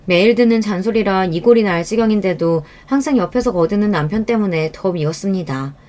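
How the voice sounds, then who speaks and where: A woman tells a true-life story in the first person. She speaks in a confiding, steady way at a middle pitch. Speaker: narrator.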